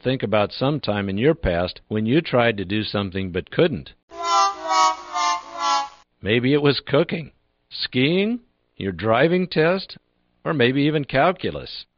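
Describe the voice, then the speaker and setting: A man teaching a drill lesson in a calm, patient, scripted manner, repeating practice phrases for the listener. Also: medium pitch, measured pace, dull audio. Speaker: instructor. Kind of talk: scripted instructional narration.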